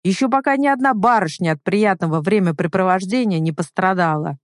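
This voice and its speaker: A woman's voice: mid-range voice, fairly quick, no room sound, studio quality, natural voice. A woman voicing an evasive middle-aged male head doctor in an audiobook reading, talking in a placating, pleading way with a raised voice. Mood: wheedling.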